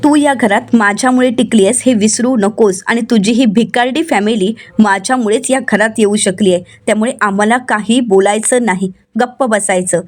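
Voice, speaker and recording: A woman's voice: a little high, normal speed, few pauses, close to an everyday voice. A woman voicing a scheming middle-aged aunt who pleads and whines to her father. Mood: haughty.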